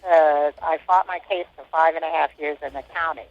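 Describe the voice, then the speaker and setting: A woman's voice: sits low, fairly even intonation, a little fast. Woman in her sixties on a prison phone. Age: 60s. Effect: muffled prison phone line. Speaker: inmate interviewee. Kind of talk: casual recollection. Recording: dull lo-fi phone call.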